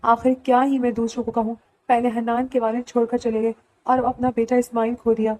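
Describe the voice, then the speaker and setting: A woman's voice: a little high, level tone, warm tone, natural voice, low-quality recording. A woman reading the lines of a grieving, withdrawn older mother-in-law in an audiobook, terse and sorrowful.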